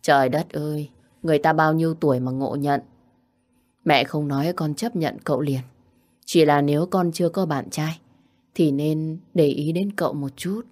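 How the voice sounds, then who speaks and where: A woman voicing a caring middle-aged mother with a calm, coaxing manner in a spoken story. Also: low-pitched, moderate pace.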